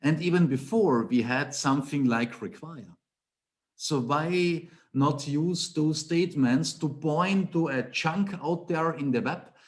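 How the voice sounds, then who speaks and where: Speaking from a small home office via webcam, a middle-aged Angular trainer from Austria delivers a technical conference talk in an Austrian German accent. He leans on rhetorical questions and emphatic repetition. His voice is on the high side, and he takes it slowly.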